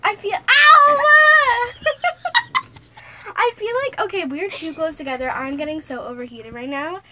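A teenage girl co-hosts a podcast in a very high, bright, forceful voice at a measured pace, keeping the casual chat giggly and teasing. It was recorded inside a small closet stuffed with clothes, with a little hiss or hum.

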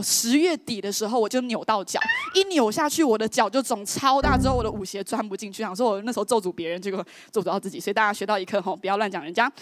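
A woman, telling a personal story in an animated, exclamatory way. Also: a little high, noisy background. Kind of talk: lively storytelling. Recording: voice over loud background music. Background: background music.

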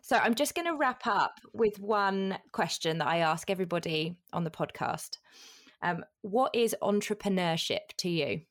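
A woman's voice: mid-range voice, animated, normal speed, dry recording, studio quality. A woman hosting a podcast interview in an effusive, encouraging, conversational way. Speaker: podcast host.

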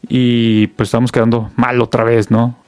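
A man's voice: mid-range voice, flat delivery, normal speed, a little mellow, clean tone, dry recording. Man, Mexican accent, casual host, rambling fillers, dry close sound. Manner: chatty, many fillers and restarts. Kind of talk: casual news roundup chat.

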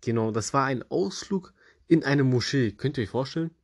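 A man's voice: medium pitch, lively intonation, moderate pace, darkish tone, dry recording, studio quality. Slangy young man telling a podcast story. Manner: slangy, joking, playful restarts. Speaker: podcast host.

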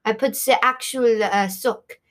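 A woman voicing a brash foreign female chef with a heavy put-on accent, who talks haltingly and rudely. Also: a little high, fairly even intonation, fairly bright tone. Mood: boastful. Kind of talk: improvised comedy sketch.

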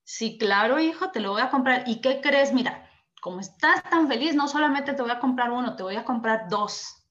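A woman's voice: a little high, animated, normal speed, fairly bright tone, lo-fi sound. A woman voicing a father who soothes his son and promises to buy him a car. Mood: pleased. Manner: soothing, reassuring.

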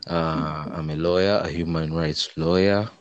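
A man with a Ugandan East African accent answering interview questions in a measured, hesitant way, often repeating words. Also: a bass voice, steady tone, no echo, highs cut off. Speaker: interview guest, human rights lawyer.

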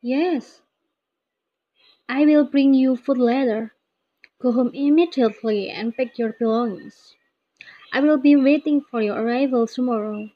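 A woman's voice: sits high, a little slow, pauses often. A young woman with an Indonesian accent playing an eager friend in a recited English dialogue about plans with friends, speaking carefully. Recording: muffled lo-fi recording.

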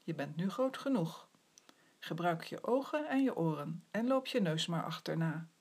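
A woman voicing a calm, matter-of-fact mother cat in a storybook. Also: on the low side, moderate pace, slightly rough. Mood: firm.

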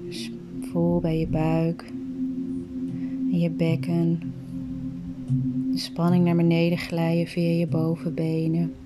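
A woman leads a guided meditation, speaking very slowly and gently, with her voice often sinking into a breathy whisper. Her pitch sits a little low, and loud meditative music plays behind her throughout. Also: completely flat delivery. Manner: slow, soft, soothing, often breathy whisper.

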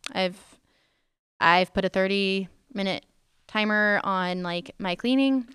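A woman's voice: medium pitch, fairly bright tone, clean tone, no room sound, studio quality. A woman as a podcast guest, chatting casually in an earnest, informal way.

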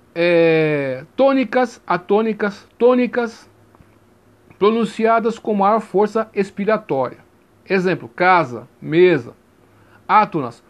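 A man teaching grammar in an informal lesson, chatty and given to checking that listeners follow, spelling sounds out slowly. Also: high voice. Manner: chatty, repeats 'tá compreendendo?' often; spells out sounds slowly, stressing each vowel.

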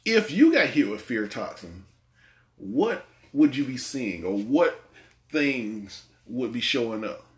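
A man's voice: mid-range voice, very animated, slow. A man hosting a casual movie podcast, rambling and repeating his words as he talks. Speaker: podcast host. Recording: echoey room.

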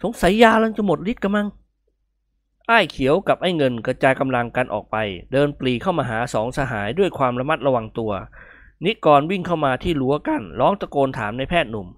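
Lively male storyteller. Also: medium pitch, quick pace, no room sound, clean studio sound. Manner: lively, expressive. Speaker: narrator. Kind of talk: storytelling reading.

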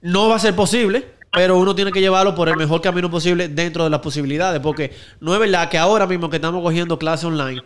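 A young man with a Dominican accent talking in a slangy, joking, animated way as a co-host on a casual podcast. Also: high-pitched, fast.

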